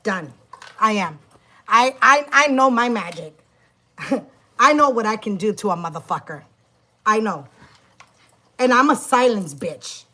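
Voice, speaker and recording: A woman's voice: medium pitch, lively intonation, measured pace, long pauses, bright, forceful tone. A woman vlogging about her work as a witch, telling a story in an emphatic, profane way with many restarts. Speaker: spiritual practitioner and YouTuber. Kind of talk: casual vlog storytime.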